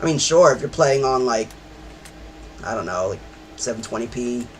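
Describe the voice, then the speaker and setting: A man's voice: medium pitch, expressive, normal speed, a little hiss or hum. A man streaming a game, chatting in a rambling way with sudden outbursts. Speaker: gaming streamer. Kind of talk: casual chat while playing.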